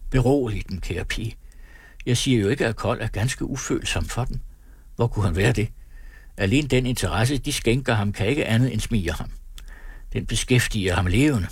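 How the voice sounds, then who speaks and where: A man reading the part of a gruff but well-meaning older gentleman in a storybook, speaking earnestly and persuasively. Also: fairly low pitch, animated, no room sound, clean studio sound.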